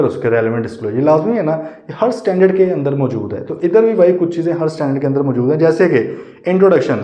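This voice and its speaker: A man's voice: on the high side, dark tone. A man teaching an online audit lecture, explaining each point by rephrasing it and checking in with the class. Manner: explains by rephrasing and repeating points, asks "ठीक है". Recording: dull lo-fi sound in a roomy space.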